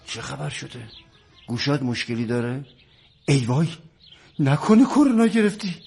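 An actor playing a talkative, loud husband who jokes and bickers, in a comic radio drama. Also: male voice, mid-range voice, big pitch swings, vocal fry, husky, full character voice. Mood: teasing. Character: talkative loud middle-aged husband, teasing.

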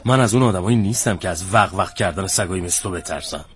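An actor playing an engineer who is kind to neighbours and hard with bullies. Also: male voice, sits low, fairly bright tone. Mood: threatening. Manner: friendly with locals, cold and threatening to thugs. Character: young male engineer, kind but tough when pushed.

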